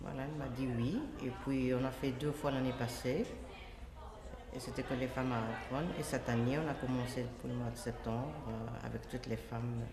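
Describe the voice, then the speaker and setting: A woman's voice: a bass voice, fairly even intonation, moderate pace, crowd noise. A woman telling her story in casual testimony, hesitant, often restarting and repeating words. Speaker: interviewee, association volunteer. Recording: reverberant room with long echo.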